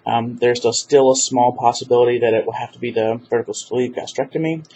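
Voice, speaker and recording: A man's voice: mid-range voice, fairly even intonation, fairly quick, dark tone. A man, talking casually in a video diary and rambling with many fillers and restarts. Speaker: vlogger. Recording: dull lo-fi webcam audio with faint hiss.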